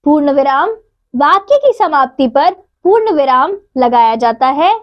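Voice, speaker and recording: High-voiced woman teaching children. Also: big pitch swings, highs cut off. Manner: slow, clear reading of examples. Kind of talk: children's grammar lesson.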